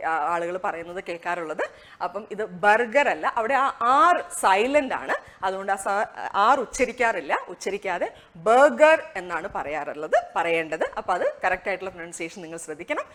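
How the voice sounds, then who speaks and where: A woman teaching English pronunciation in a conversational lesson, asking rhetorical questions and slowing down on the target words. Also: medium pitch, big pitch swings, fairly bright tone. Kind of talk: explanatory lesson.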